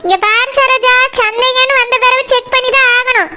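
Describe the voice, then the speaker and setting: A woman voicing a shrill stern household matron. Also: steady tone, moderate pace. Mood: scolding. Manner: scolding, firm. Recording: loud background noise.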